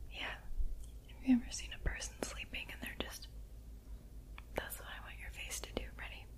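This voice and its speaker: A woman whispering slow, soft guiding instructions in an ASMR roleplay. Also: high-pitched, poor audio.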